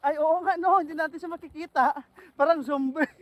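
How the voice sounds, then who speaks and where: A man's voice: very high voice, steady tone, a little fast, a bit bright. Joking Ilonggo man filming a walk. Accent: Ilonggo Filipino. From Philippines. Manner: playful, laughs often, jokes around. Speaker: vlogger. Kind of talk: casual walking vlog chat. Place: outdoors on a cold street.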